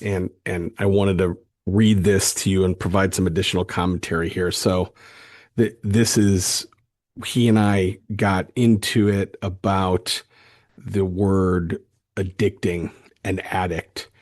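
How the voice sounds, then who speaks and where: A man's voice: low-pitched, little pitch movement, takes it slowly, a little mellow. A man hosting a solo podcast, talking earnestly and emphatically, often stammering and restarting his sentences. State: fired up. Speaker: podcast host.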